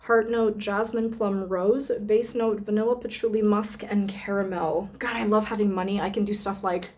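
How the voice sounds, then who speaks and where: In an off-the-cuff vlog, a woman who performs burlesque muses over perfume samples as she smells them. Her voice is medium-pitched, steady and a little mellow, at normal speed, and her talk wanders with many fillers and free swearing.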